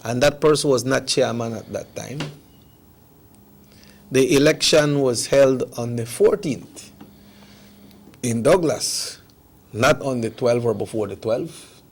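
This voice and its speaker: A man's voice: mid-range voice, slow pace, pauses often. A man with a Belizean Creole accent co-hosting a conversational political discussion. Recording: clear background noise and ambience.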